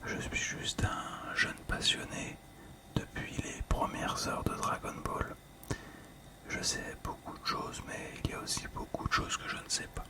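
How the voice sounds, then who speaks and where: This is a man creating ASMR content, whispering breathily and describing things softly without rushing, slightly tentative in his delivery.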